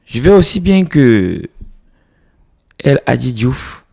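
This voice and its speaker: A man hosting an interview in a casual, lively way, joking and often repeating the guest's words back. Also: medium pitch, slow pace, gravelly. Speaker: interview host.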